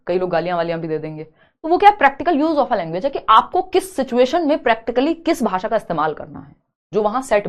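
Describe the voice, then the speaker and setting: A woman teaching an exam-prep lesson in a live online class, explaining step by step, mixing in English terms and reading out viewer comments. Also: medium pitch.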